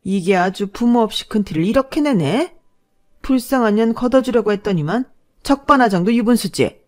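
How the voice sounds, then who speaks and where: A woman's voice: on the high side, animated, moderate pace, pitched above the performer's own voice, close to an everyday voice. A woman voicing a scheming middle-aged mother-in-law who scolds with open contempt, in a told story. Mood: scornful scolding. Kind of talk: storytelling with acted dialogue.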